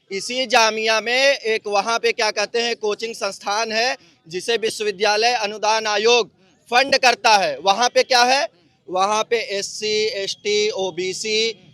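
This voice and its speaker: A man's voice: high voice, bright, forceful tone, dry recording. A man from the public, talking indignantly in a street interview and repeating his questions insistently. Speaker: member of the public giving his view.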